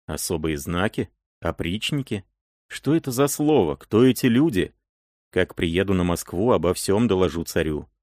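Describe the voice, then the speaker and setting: A man reading an audiobook, voicing an indignant noble prince who speaks in a low, brooding voice. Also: animated, normal speed, dry recording, studio quality.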